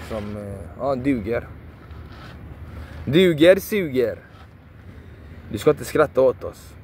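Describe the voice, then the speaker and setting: A man preaching with fierce repetition, hammering the same words again and again with the odd curse thrown in. He speaks at a middling pitch, and faint traffic hums behind him outdoors. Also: a little mellow. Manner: repetitive, emphatic, preachy, swears for emphasis. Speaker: video creator. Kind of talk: passionate motivational monologue.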